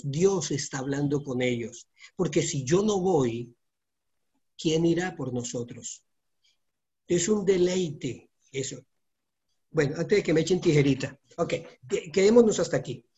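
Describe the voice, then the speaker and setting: Male preacher, animated sermon delivery. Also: a little high, unhurried, highs cut off. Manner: animated, swings from soft to loud preaching.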